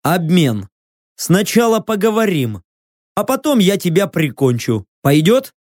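A hard warrior man, as a woman reader puts him on, speaks calmly and curtly in a voice pitched a bit lower. He sounds cold and sure, like a hero in a read-aloud storybook. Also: a little slow, no echo, studio quality. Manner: calm, curt. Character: calm, hard male warrior leader.

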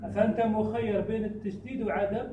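Male grammar teacher, high voice, heard from a distance, keeps quizzing his class. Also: steady tone, narrow, tinny audio, background noise. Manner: quizzes students with repeated questions; chants verse lines slowly. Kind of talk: classroom lesson. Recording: echoey room, distant mic.

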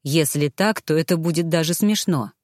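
A woman's voice: sits low, normal speed, a little mellow, no echo, clean studio sound, close to an everyday voice. A woman voicing an irritable young male mage in an audiobook, grumbling and dismissive. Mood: irritated. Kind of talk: audiobook character voice.

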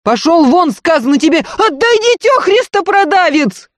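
A reader voicing a fierce peasant nursemaid who shrieks and curses in a high, piercing voice while defending a baby. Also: big pitch swings, normal speed, fairly bright tone, no echo, studio quality, exaggerated voice. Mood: shrieking. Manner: wailing, shrill pleading and cursing.

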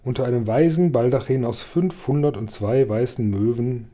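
Man reading a kids' story out loud, really dark mellow voice, animated. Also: medium pitch, moderate pace. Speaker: audiobook reader. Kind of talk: children's book read aloud.

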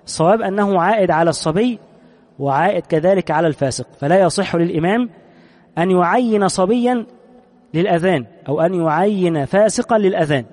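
A man's voice: sits high, fast, darkish tone, in a large hall. A man with an Egyptian accent giving a religious lesson. He reads a line from a text, then explains it in plain speech and puts questions to himself. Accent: Egyptian Arabic. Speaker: sheikh teaching a jurisprudence text.

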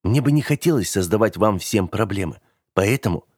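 An earnest, calm young gentleman from an audiobook, as a male reader puts him on. He coaxes gently and sincerely, in a low voice. The sound is dry and close. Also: brisk, breathy edge, dry recording. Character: earnest young rich man, calm, persuasive.

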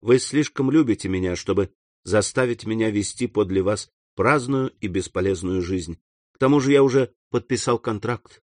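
A man performs the audiobook role of an earnest young man, a proud and devoted son who speaks fervently to his mother. His voice is lowish and close to everyday speech, at normal speed, eager and lifting on key words. The studio-quality recording has no room sound.

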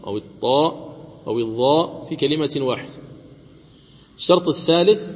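A man teaching the rules of Quran recitation, explaining each rule step by step and chanting the example words slowly. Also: medium pitch, in a large hall. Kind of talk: tajweed lesson with chanted examples.

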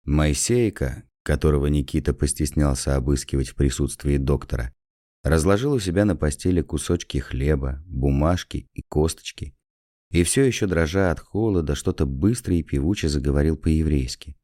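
A man narrating a classic story in a measured storytelling way. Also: very deep voice, mellow, no room sound, studio quality.

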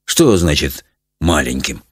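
A man voicing a pompous, self-important middle-aged father in a storybook reading, in a calm and stiff manner. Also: very deep voice, slow pace, husky, no room sound, clean studio sound, pitched below the performer's own voice, heavily acted. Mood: bewildered.

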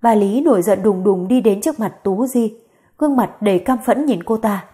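A woman narrating an audiobook story with a steady, dramatic reading. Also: mid-range voice, moderate pace.

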